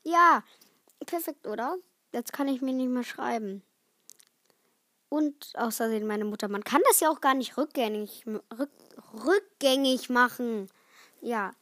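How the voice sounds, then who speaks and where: Slow-talking chatty teenage girl. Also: fairly high pitch, fairly bright tone, no room sound, clean studio sound. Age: teens. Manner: chatty, rambling, restarts often. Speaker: podcast host. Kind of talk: casual solo chat.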